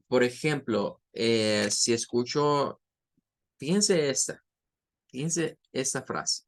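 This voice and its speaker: A man teaching English pronunciation, saying each example word over and over slowly. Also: medium pitch. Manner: patient, repeats words slowly for drilling. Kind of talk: online language lesson.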